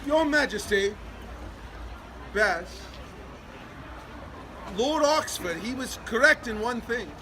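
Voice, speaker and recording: A man's voice: very high voice, expressive, slow, long pauses, heavily acted. A man playing an earnest, protective nobleman pleading his suit to a queen outdoors before a crowd. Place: outdoors among a crowd near traffic. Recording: distant voice, outdoor crowd and street noise.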